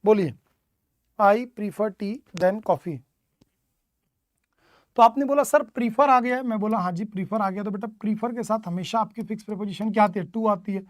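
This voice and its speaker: A man's voice: high voice, quick pace, few pauses, dry recording, clean studio sound. A male teacher giving an online exam-prep English lesson, drilling word meanings with repeated questions and calling students his children.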